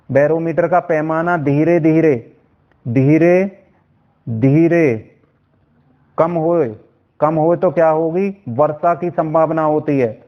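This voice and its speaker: A male science teacher gives an exam-prep lecture in a fairly high voice. He keeps quizzing the class and repeats every answer over and over. The recording sounds dull and lo-fi.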